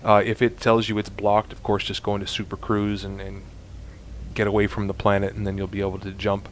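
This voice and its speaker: A man narrating a space game walkthrough, explaining steps to viewers in a chatty, instructive way and getting excited at times. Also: on the low side, fairly quick, slight background noise. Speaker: gaming YouTuber. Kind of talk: let's play walkthrough commentary.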